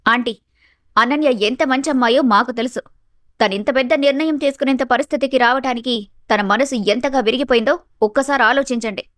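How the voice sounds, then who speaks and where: A caring young friend, read by a woman narrator in her own fairly high voice, speaking in an earnest, pleading way. The recording is close and dry, with no room sound. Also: a little fast, fairly bright tone, no room sound. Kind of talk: storybook character voice.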